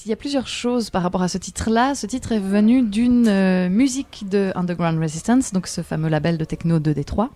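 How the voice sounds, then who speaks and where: A woman's voice: medium pitch, fairly quick, hardly any pauses, dark tone, dry recording. A woman, a theatre director talking in a casual radio interview, hesitant and full of fillers. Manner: hesitant, many fillers, laughs often.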